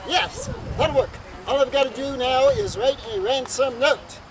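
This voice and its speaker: A man playing a greedy, gleeful scheming servant in a live outdoor comedy, speaking with slow theatrical villainy. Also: crowd noise. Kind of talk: live outdoor commedia dell'arte comedy performance. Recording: very noisy outdoor recording with wind rumble.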